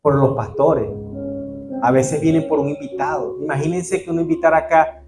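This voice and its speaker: Male preacher, earnest sermon delivery, slightly high voice, clear music underneath. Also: moderate pace. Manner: earnest, addresses the congregation as brother. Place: church.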